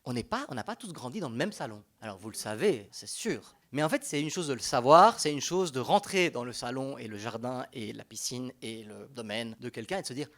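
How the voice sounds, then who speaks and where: Man, Belgian accent, young adult, public talk, animated, lively swinging pitch, frequent restarts. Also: brisk, few pauses. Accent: Belgian French. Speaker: panel speaker at a storytelling talk.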